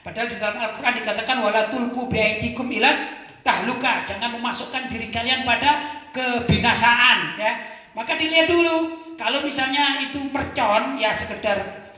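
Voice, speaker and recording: Chatty cleric in an echoey hall. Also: male voice, very high voice, moderate pace, sharp tone. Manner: conversational, checks in often with rhetorical questions. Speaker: Islamic cleric. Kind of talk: religious Q&A lecture. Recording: echoey hall with long reverb.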